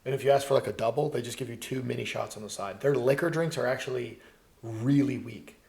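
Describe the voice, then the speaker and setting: A man's voice: medium pitch, fast talker, creaky. A young man co-hosting a casual podcast chat, joking and telling stories. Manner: joking, storytelling, animated. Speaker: podcast co-host.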